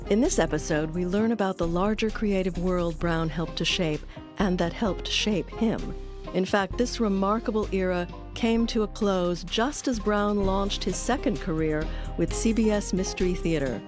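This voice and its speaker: A woman hosts and narrates a documentary on the history of radio, telling the story in a measured way. Her voice is mid-range, and music plays in the background.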